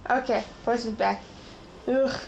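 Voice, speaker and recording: A woman reading a novel aloud with chatty asides, hoarse from losing her voice and often clearing her throat. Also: a little high, fairly even intonation, a little slow, a little mellow, slight background noise, rough recording. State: hoarse, recovering voice. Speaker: audiobook reader. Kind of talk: casual book reading with asides.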